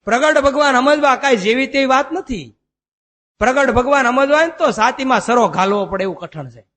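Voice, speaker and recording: In a hall with noticeable reverb, a male swami gives a Gujarati devotional sermon woven with stories. His high voice is expressive and fairly bright; he chants verses at a slow pace, then unpacks them in a homespun storytelling style.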